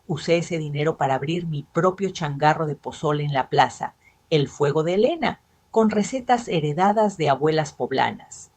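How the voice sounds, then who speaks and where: A woman telling a dramatic first-person story in a steady, even narrating voice. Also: low voice, moderate pace, no echo.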